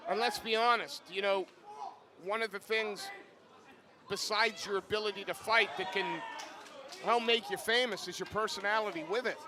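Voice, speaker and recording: High-voiced male fight commentator, crowd roaring. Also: steady tone, moderate pace. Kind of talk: live sports commentary. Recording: loud crowd at live event. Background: loud crowd.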